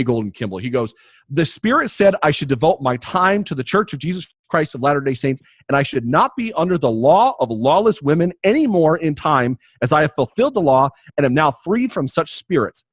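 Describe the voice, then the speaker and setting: Male podcast host, animated delivery, joking and rambling, dry close sound. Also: fairly high pitch, a little fast, no echo. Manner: jokey, rambling, many restarts. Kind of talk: casual podcast chat and promo read.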